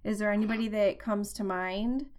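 A woman's voice: mid-range voice, fairly even intonation, moderate pace, a little mellow. A woman interviewer asking questions in an encouraging, affirming way.

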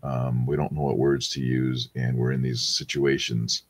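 A man hosting a weekly live rosary podcast from his home, talking in a soft, hesitant, casual way with many pauses and ums. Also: rumbling low, level tone, slightly rough. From Wisconsin, USA. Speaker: podcast host leading the rosary. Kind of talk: casual prayer-show chat.

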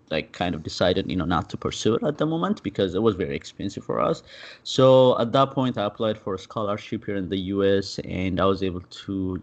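Halting young man from Ethiopia, lo-fi. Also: sits low. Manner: halting, many fillers and restarts. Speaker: podcast guest, founder. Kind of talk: casual interview.

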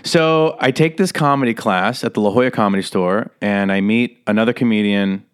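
A man in his thirties from Las Vegas appears as a comedian guest in a casual interview, telling his story while rambling, laughing and swearing. His voice is fairly low and smooth, and he talks a little fast.

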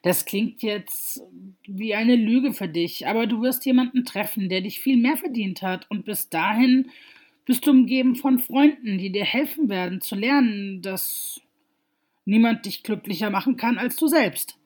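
A woman voicing a kind young man who talks a distressed stranger down in a calm, gently persuasive way, in a spoken story. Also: fairly high pitch, measured pace, voice pushed up. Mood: earnest.

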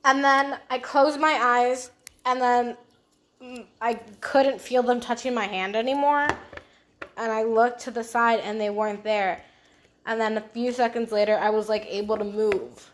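A woman's voice: fairly high pitch, steady tone, measured pace, a little hiss or hum. A young woman co-hosting a casual podcast, rambling through a story with many fillers and mild swearing. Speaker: podcast co-host.

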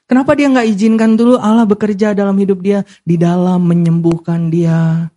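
A male preacher delivering a sermon in a high-pitched voice. He slips English words into his speech. He often calls out to the congregation and has them repeat lines to each other. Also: steady tone, moderate pace, warm tone.

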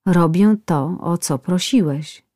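A stern, stubborn barber who answers flatly, as a woman puts him on. The voice is low and slow, recorded dry and close. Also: dry recording. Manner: dry, matter-of-fact.

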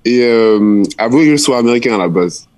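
A teenage basketball player, talking casually in an interview, laid-back and slangy with many fillers. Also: male voice, mid-range voice, expressive, fast, a little mellow. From France. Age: teens. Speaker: young basketball player guest.

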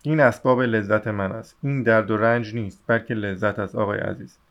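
A man reading the lines of a broken, meek drunken old clerk in a quiet, submissive voice. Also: lowish voice, fairly even intonation, natural voice. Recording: slightly dull lo-fi audio.

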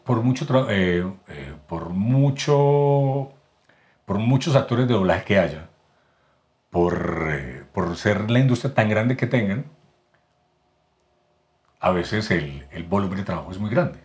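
A man's voice: on the low side, expressive, takes it slowly, darkish tone. A Colombian man from Medellín with a paisa accent, a voice actor and announcer talking as a podcast guest, explaining at length with frequent restarts and repeated words. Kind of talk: casual podcast interview.

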